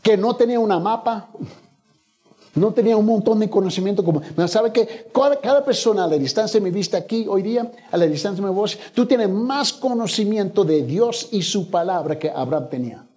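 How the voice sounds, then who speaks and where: A man's voice: high-pitched, animated, a little fast, dark tone. A man preaching a sermon as pastor, telling a story with acted-out lines and building to emphatic peaks. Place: church.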